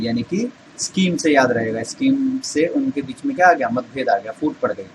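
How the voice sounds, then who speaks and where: A man's voice: mid-range voice, background noise. Hindi-speaking man teaching English words. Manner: explains step by step, keeps asking rhetorical questions and answering them. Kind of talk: Hindi vocabulary lesson with memory tricks.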